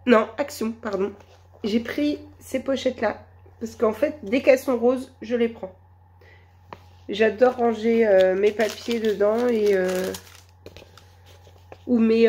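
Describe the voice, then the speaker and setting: A woman with a cold and a hoarse voice, chatting slowly and hesitantly through a shopping haul. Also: medium pitch, a little mellow. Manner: hesitant, many fillers, slow and chatty. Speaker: vlogger. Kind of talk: casual shopping haul vlog.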